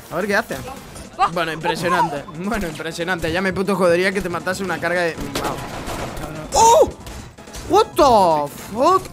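A young man from Spain with a Spanish accent, reacting to gameplay clips, exclaiming, laughing and swearing as he goes. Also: sits high. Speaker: gaming YouTuber reacting to clips. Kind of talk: excited gameplay reaction commentary.

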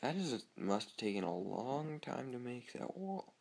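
A man's voice: medium pitch, animated, normal speed, gravelly. A young man giving casual, chatty commentary over his own gameplay, talking to himself and easily startled. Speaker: gamer.

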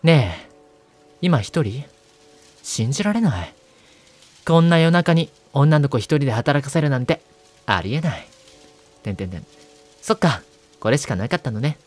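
A man reading the lines of a concerned young female customer in a horror game, in a soft, caring way. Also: medium pitch, big pitch swings, normal speed, long pauses, faint music behind.

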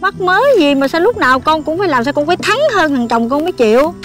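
A woman's voice: high-pitched, quick pace, soft background music, natural voice. A middle-aged actress with a Southern Vietnamese accent playing a fussy mother who scolds and lectures her daughter. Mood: lecturing. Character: fussy scolding mother giving folk advice. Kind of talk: comedy film acting.

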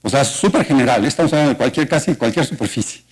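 A fast-talking, animated math lecturer with a husky, medium-pitched voice and a Mexican Spanish accent gives a university colloquium in an auditorium. He explains step by step and asks the audience rhetorical questions, and the audio is poor.

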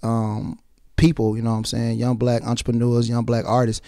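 A man's voice: medium pitch, completely flat delivery, moderate pace, gravelly, mellow. A young man from the Atlanta area, talking loosely as an interview guest and saying "you know what I'm saying" a lot, into a handheld mic. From South Side of Atlanta area. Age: young adult. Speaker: rapper and actor, interview guest. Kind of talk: casual interview.

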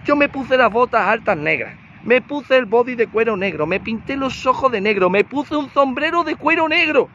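A man voicing a plain-spoken married woman, listing things slowly and deliberately. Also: very high voice, expressive, sharp tone, highs cut off, a little hiss or hum, voice pushed up, exaggerated voice. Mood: deadpan.

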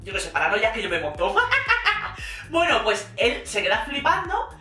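A woman's voice: mid-range voice, big pitch swings, moderate pace, pushed and bright, faint music behind. A woman from Spain with a Spanish accent, recapping a reality show in casual, sarcastic commentary full of slang. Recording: echoey room, mic at a distance.

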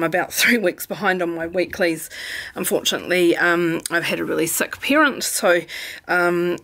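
Kiwi woman with a gravelly low voice. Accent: New Zealand. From New Zealand. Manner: chatty, relaxed, many ums. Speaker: planner vlogger. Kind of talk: casual craft chat. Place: home room.

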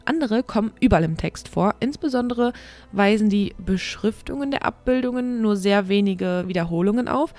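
A woman's voice: medium pitch, a little mellow. Woman host reading with frank asides. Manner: frank, self-deprecating asides to listeners. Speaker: podcast host. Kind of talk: reading a researched script with casual asides.

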